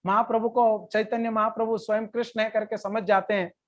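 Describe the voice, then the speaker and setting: In a devotional lecture, a woman retells a scripture story conversationally, slowing down now and then to recite verses. Her voice sits on the high side and her delivery is flat.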